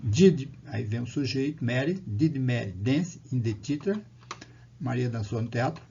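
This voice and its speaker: A man from Brazil giving a recorded English lesson, explaining patiently in Portuguese and reading English example sentences slowly and carefully. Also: mid-range voice, expressive, vocal fry, a little hiss or hum. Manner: explains patiently in Portuguese, reads English lines slowly and loudly, repeats them. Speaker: English teacher. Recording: dull lo-fi recording.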